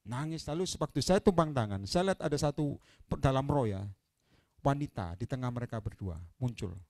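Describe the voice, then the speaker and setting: A man with an Indonesian accent touched by Javanese, preaching a sermon as an evangelist and telling stories animatedly, moving from quiet asides to loud proclamations. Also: medium pitch, expressive, brisk, no echo, studio quality.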